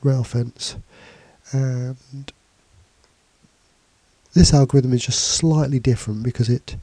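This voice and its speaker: This is a male computing teacher with a cold, sounding stuffy as he voices over slides and screen recordings in an indoor screencast tutorial. His tone is very dark and husky at medium pitch, recorded dry and close with no room sound. He talks in a relaxed, halting way, with fillers and restarts.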